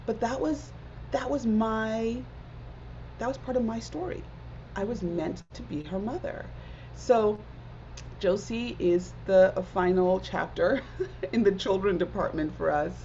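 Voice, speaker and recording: A Zimbabwean woman in her forties is a guest in a casual interview, speaking earnestly and reflectively and often dropping in "like." Her voice is mid-range, a little slow and dark in tone, and the dull lo-fi audio carries a little hiss or hum.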